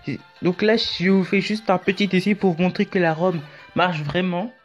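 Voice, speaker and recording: A man's voice: high-pitched, steady tone, normal speed. Chatty man, dull lo-fi tutorial audio. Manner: chatty, rambling, jokey asides. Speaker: YouTube tutorial host. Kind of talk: casual walkthrough tutorial. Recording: dull lo-fi audio with faint music.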